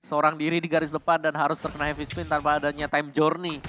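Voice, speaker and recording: A man's voice: a little high, completely flat delivery, fast talker, fairly bright tone, a little hiss or hum. A man with an Indonesian accent giving casual, analytical commentary on an esports match as a co-caster.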